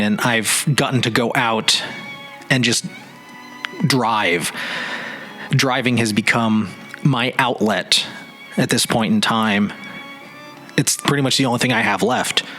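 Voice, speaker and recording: A man with a mid-range, pushed and bright voice hosts a solo podcast from his home office, with music in the background. He talks at a measured pace with long pauses, casual and reflective, rambling and often searching for words.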